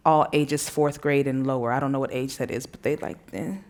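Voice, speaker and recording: A woman's voice: a bass voice, a little fast. A woman poet and activist telling stories animatedly on a live panel. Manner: animated storytelling, acts out quoted exchanges. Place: live event before an audience.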